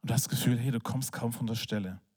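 A man preaching in a conversational, animated way, telling a personal story with filler words, then praying softly. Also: mid-range voice, fast, husky. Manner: soft, hushed prayer. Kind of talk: sermon with personal story and prayer.

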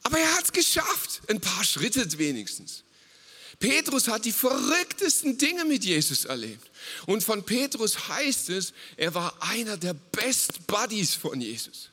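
Lively male preacher, casual youth sermon, bright tense voice, long hall reverb. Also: sits high, a little slow. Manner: animated, casual, sprinkles English words. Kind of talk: lively youth sermon retelling a Bible story.

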